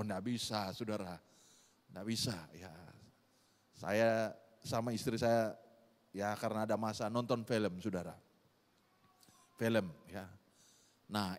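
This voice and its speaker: A middle-aged man preaching a sermon as pastor, repeatedly calling out to the congregation, moving between loud exhortation and soft, confiding storytelling. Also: medium pitch, in a large hall. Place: church hall.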